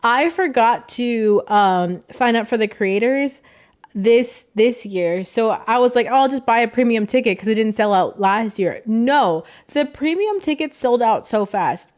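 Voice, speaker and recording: Young woman streamer, higher voice, rambling and heartfelt, casual live chat. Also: lively intonation, measured pace, a little mellow. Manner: emotional, rambling, reads out chat.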